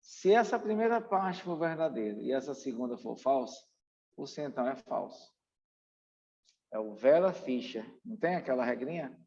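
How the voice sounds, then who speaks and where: A Brazilian man with a medium-pitched, warm, animated voice delivers an exam-prep lecture at normal speed in a Brazilian Portuguese accent, teaching emphatically and repeating key points. The recording sounds dull and muffled, with long room reverb.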